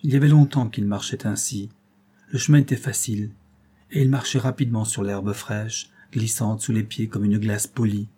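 A man reading a classic tale aloud as an audiobook, in a measured, dramatic manner. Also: on the low side, steady tone, warm tone, slightly rough. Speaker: audiobook reader. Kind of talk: scripted narration of a classic tale.

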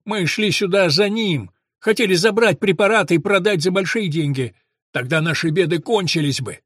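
A desperate, heavy-set drunk who begs, rants and turns menacing, his voice pushed loud and a little higher than plain talk, as a male narrator puts him on. The recording is dry and close, with no room sound. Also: normal speed, slightly rough, no echo. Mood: frantic. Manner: wailing, begging, half-mad. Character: heavy drunk older man, pleading and frantic. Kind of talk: audiobook character voice.

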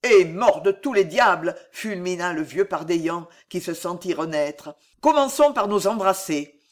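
A reader voicing an old, blunt soldier father in an audiobook, with gruff, loud oaths. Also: mid-range voice, normal speed, close to an everyday voice. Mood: jubilant. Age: older. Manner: gruff, exclamatory, full of oaths. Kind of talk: audiobook reading.

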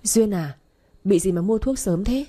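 A woman's voice: medium pitch, unhurried, mellow, husky. A woman voicing a chatty, curious pharmacist who asks nosy questions.

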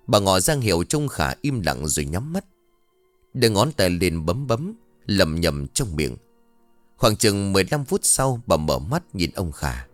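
A man narrating a ghost story as a storyteller, with an expressive, dramatic reading. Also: low voice, no echo. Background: faint music.

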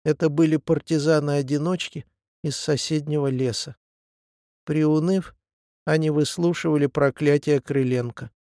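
Man, audiobook narration, even measured reading, gravelly, dry room. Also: on the high side, no echo. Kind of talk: scripted narration.

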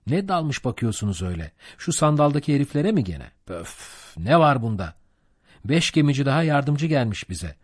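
A man's voice: mid-range voice, husky, no echo, studio quality. A man voicing a jovial boat mate who coaxes and preaches at his rowers to pull harder. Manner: coaxing, preachy, rousing.

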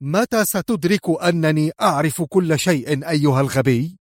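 A man's voice: medium pitch, moderate pace, dry recording, studio quality, lightly acted. A man voicing a harsh male crime boss who speaks sternly and in anger. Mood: angry. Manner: sharp, stern, furious.

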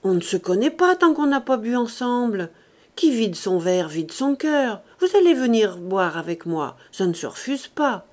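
A woman reading aloud, voicing an anxious old limping peasant gardener who talks loudly and coaxingly. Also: on the high side, big pitch swings, moderate pace. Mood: wheedling. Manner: loud, jovial, coaxing.

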